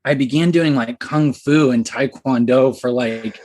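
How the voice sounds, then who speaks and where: A man in early adulthood speaks as a podcast guest. He tells his story with excited, animated energy and fills it with likes and ums. His voice sits in a middle range. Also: mid-range voice, measured pace. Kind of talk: casual storytelling.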